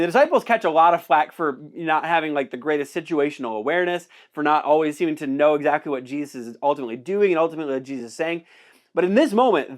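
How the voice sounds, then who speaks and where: A man preaching a sermon in a conversational way, repeating key phrases for emphasis. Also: on the high side. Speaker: pastor.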